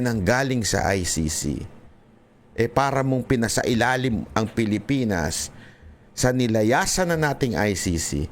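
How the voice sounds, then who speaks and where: Speaking straight to his audience, this man from the Philippines delivers heartfelt political commentary in a vlog, mixing Tagalog with English and often starting his sentences over. His pitch is medium, with slight background noise in the recording.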